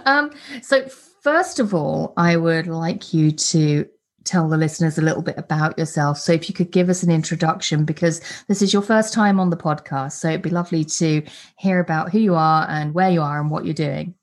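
A woman's voice: low voice, normal speed. Chatty woman hosting a podcast. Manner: warm, chatty, with many restarts. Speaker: podcast host. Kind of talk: casual interview chat.

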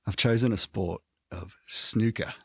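An Australian man co-hosting a casual comedy podcast, pitching ideas in an animated way and laughing often. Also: unhurried, breathy edge, dry recording, clean studio sound. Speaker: podcast co-host.

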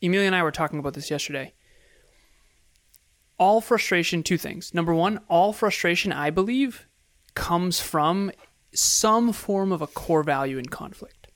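A man's voice: high voice, moderate pace, a bit bright, no room sound. A man co-hosting a self-improvement podcast, explaining principles in emphatic points like a motivational life coach. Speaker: podcast co-host.

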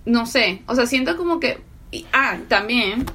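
A woman in casual chat, talking quickly with many fillers and restarts. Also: fairly high pitch, animated, pushed and bright, a little hiss or hum. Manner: chatty, fillers like "o sea" and "literal". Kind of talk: casual chat about fashion.

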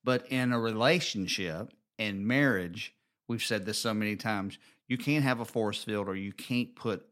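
This is a middle-aged man with an Alabama accent and a fairly low voice. He talks casually as a co-host, in a halting way, rephrasing his thoughts as he goes. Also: fairly bright tone. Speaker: co-host of a marriage show. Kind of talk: casual conversational talk.

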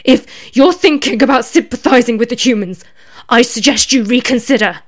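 Sneaky raven demon guy, a woman putting him on, pokes and pries, voice pitched up a bit. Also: lively intonation, moderate pace, close to an everyday voice. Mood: desperate. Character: sly male raven demon soldier. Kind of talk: storybook reading.

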